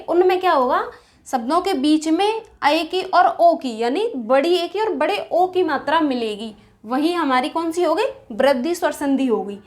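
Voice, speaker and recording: Woman teacher with a high voice, explaining grammar step by step and answering her own questions. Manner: asks questions then answers them herself; slows down to spell out sounds and examples. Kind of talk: Hindi grammar lesson at a board.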